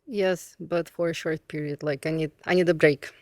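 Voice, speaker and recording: A woman's voice: deep voice, fairly even intonation, normal speed, no echo. A woman from southern Russia with a Russian accent, a podcast guest giving short, dry, blunt answers in casual chat.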